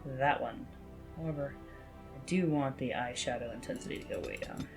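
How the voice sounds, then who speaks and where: A woman chatting casually as she plays a video game, talking to herself with sudden high exclamations. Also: moderate pace, creaky, over music. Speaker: gaming host.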